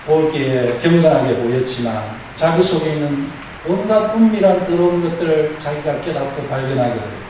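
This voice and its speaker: A male pastor giving a sermon, emphatic and repeating key phrases, telling stories with animation. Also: sits high. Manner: animated storyteller. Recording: very echoey hall, far-off mic, faint noise.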